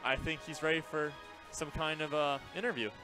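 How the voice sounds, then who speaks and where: A man's voice: fairly high pitch, flat delivery, normal speed, over music. A young man commentating a live gaming tournament on a headset, laid-back and chatty with a joking streak. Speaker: esports commentator. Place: small game center room with shelves.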